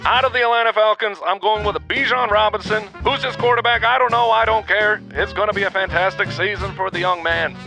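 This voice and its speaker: A showy old-timey announcer calls out picks in a grand, gravelly voice, as a man puts him on. The voice sits high. Music plays clearly behind him. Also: steady tone, a little fast, hardly any pauses, low-quality recording. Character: old-timey male draft announcer, theatrical.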